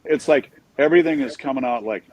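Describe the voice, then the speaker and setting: A man talking casually and with easygoing bemusement as a remote guest over a video call, his audio glitchy and slowed down by the connection. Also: mid-range voice, low-quality recording. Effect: glitchy slowed-down online call audio. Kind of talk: casual chat.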